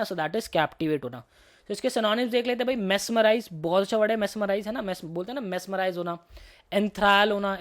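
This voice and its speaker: A woman teacher with a slightly hoarse throat, giving a vocabulary lesson. She explains words in Hindi mixed with English, checks in with students often, and reads English example sentences slowly. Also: medium pitch. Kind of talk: vocabulary lesson for entrance exams.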